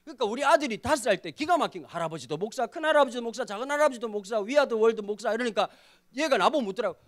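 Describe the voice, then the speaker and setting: A man preaching to a youth congregation, animated and full of rhetorical questions. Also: very high voice, rapid-fire. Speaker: pastor. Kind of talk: youth sermon. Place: church service.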